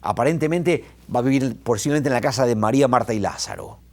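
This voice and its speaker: A man preaching a sermon, talking in an animated way and often restarting his words. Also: medium pitch, quick pace. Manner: animated, retells scenes with quoted voices, restarts. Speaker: pastor.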